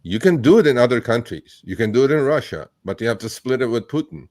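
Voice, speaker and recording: A man born in Turkey, hosting a live chat, talking bluntly and with profanity, telling animated stories. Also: medium pitch, quick pace, no room sound, studio quality. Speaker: host. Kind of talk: casual livestream chat.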